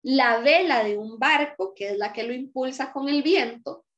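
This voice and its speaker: A woman's voice: sits high, moderate pace, fairly bright tone, lo-fi sound. A woman teacher explaining a lesson patiently, often checking in with her students. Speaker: Spanish teacher. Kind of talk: recorded class lecture.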